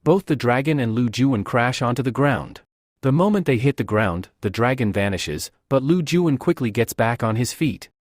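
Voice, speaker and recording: A man narrating a comic recap in an even, storytelling delivery. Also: mid-range voice, normal speed, no room sound, studio quality.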